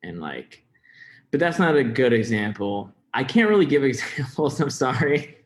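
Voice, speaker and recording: A young American man from Florida speaks candidly and informally as an interview guest. His voice is medium-pitched with big swings in pitch, and he talks at a normal speed, stuttering, hesitating and repeating words as he shares personal things.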